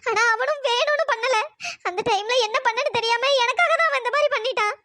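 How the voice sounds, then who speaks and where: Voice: fairly quick, sharp tone, exaggerated voice. A voice actor doing a pleading young cartoon woman. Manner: pleading, apologetic. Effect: pitch-raised voice processing. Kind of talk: cartoon storytelling voice acting.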